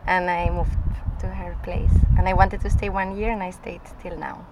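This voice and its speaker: A woman's voice: fairly low pitch, little pitch movement, normal speed, highs cut off, noisy background. A woman from Spain with a Spanish accent, a performance artist rambling through an interview with frequent restarts and laughs. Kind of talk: casual interview chat.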